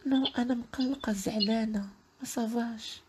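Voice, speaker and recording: A man's voice: extremely high pitch, fairly even intonation, normal speed, over a noisy crowd, pitched above the performer's own voice. A man voicing a sulky, weepy young woman who whines and complains in a Moroccan Arabic accent. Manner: whiny, complaining.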